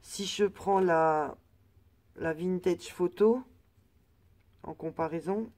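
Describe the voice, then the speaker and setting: A woman's voice: fairly low pitch, slow pace, mellow. A woman vlogger chatting casually through a crafting haul, hesitant and full of fillers and restarts. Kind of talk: casual product haul chat.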